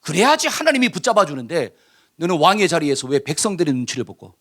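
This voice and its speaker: A man's voice: fairly high pitch, big pitch swings, quick pace, fairly bright tone. A man voicing a stern prophet scolding a king. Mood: rebuking. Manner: indignant, reproachful questioning.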